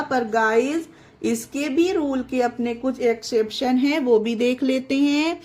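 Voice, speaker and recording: Woman teacher, slow and patient, high pitch, spells out each word for viewers. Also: a little mellow. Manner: spells words letter by letter and repeats them; addresses viewers as friends. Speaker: English pronunciation teacher. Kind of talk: slow step-by-step lesson.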